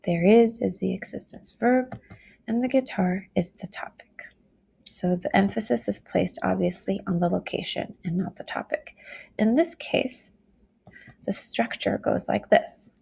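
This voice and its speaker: Woman, Japanese teacher, very gravelly and raspy voice, patient step-by-step explainer. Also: medium pitch, warm tone, whispered. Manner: explains step by step, slows down to model Japanese phrases. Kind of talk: classroom lecture video.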